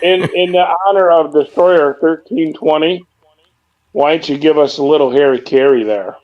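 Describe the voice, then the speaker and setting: A man's voice: a little high, moderate pace. Teasing man on dull lo-fi audio. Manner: teasing, egging the host on. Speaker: guest on a live stream. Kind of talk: casual chat.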